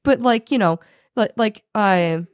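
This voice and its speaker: A woman co-hosting a podcast in casual chat, with a hoarse voice, who swears a lot and jumps up high when she gets excited. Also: unhurried, no room sound. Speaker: podcast co-host.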